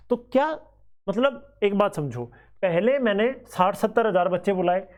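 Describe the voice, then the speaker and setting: A man's voice: sits high, darkish tone. A man with a Haryanvi-flavoured Hindi accent teaching students about exam cut-offs in a conversational, thinking-aloud way.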